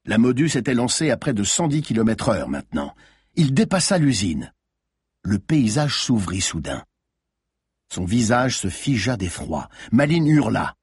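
A man's voice: fairly low pitch, sing-song, a little slow, darkish tone, slightly rough, dry recording, studio quality. A man reading a thriller audiobook aloud with tense, dramatic narration.

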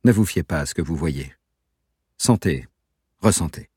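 A man voicing a calm, intense young captain who speaks in a quiet, steady, insistent way. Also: sits low, moderate pace, husky, no room sound, studio quality. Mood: calm, knowing.

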